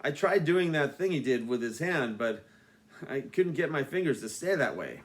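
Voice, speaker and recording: A man, the author, reading his own book aloud with dry, deadpan asides. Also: medium pitch, normal speed. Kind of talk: audiobook narration.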